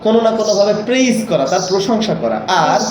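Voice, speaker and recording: A man's voice: high-pitched, sing-song, fast talker. A man leading a training session for teachers, coaxing and often asking for agreement. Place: training room. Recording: echoey room, dull lo-fi, noisy.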